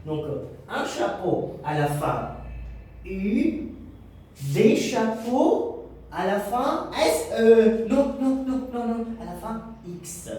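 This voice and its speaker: A man's voice: very high-pitched, big pitch swings, very slow, mellow. A man teaching a French lesson to children at a board, acting out the pupils' answers himself. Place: classroom with whiteboard. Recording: echoey room, mic far off.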